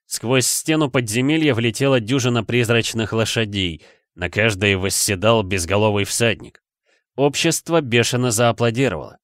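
A man narrating an audiobook in an even storytelling manner on a close microphone. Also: fairly low pitch, normal speed, dry recording. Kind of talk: scripted narration.

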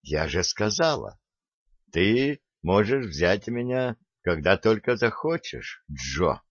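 A man's voice: on the low side, sing-song, slow pace, slightly rough, dry recording, heavily acted. Scheming femme fatale, cool and coaxing, read by a man, dull lo-fi audio.

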